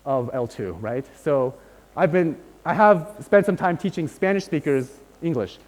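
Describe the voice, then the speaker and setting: A man teaches a university class and keeps checking with his students that they follow. His voice sits a little high for a man. It carries a long reverb that fills the lecture hall around him. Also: a little mellow. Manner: explains patiently, checks in often with "right?" and "okay?". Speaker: linguistics lecturer.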